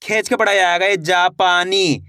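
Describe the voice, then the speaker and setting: High, bright-voiced man teaching reading. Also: no room sound, clean studio sound. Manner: repetitive, drawn-out sounding of syllables with quiz questions. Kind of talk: slow syllable-by-syllable reading lesson.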